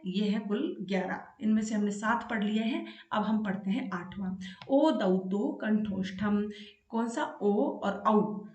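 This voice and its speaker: A woman with a slightly high voice teaches a grammar lesson for an exam. She is patient, poses her own questions and answers them, and sounds out each syllable slowly. The room gives her voice a noticeable echo.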